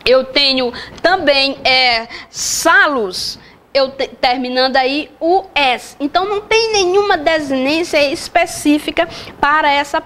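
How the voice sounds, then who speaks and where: A woman's voice: high voice, unhurried, a bit bright. A woman with a Brazilian Portuguese accent teaching a recorded distance-learning Latin lesson, explaining step by step and asking and answering her own questions.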